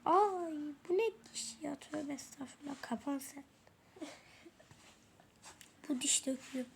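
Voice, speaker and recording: Woman doing a fussy mother, middle-aged, exasperated, muttering exclamations, high voice, toy role-play story. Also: a little slow, gravelly, a little mellow.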